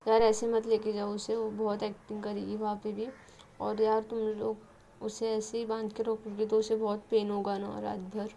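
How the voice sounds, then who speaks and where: A woman voicing a gentle, caring young woman who pleads softly and reassures her friends, in a narrated love story. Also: mid-range voice, completely flat delivery, moderate pace, vocal fry, a little hiss or hum, natural voice, poor audio.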